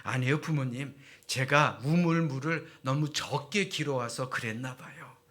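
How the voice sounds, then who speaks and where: A man's voice: mid-range voice, normal speed, fairly bright tone, lightly acted. A male pastor voicing an earnest, dutiful young husband.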